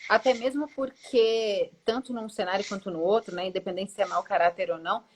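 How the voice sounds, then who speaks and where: Husky woman host, reflective. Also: medium pitch, fairly even intonation, fairly quick. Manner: reflective, thinks aloud with hesitations. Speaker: interview host. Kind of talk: conversational interview.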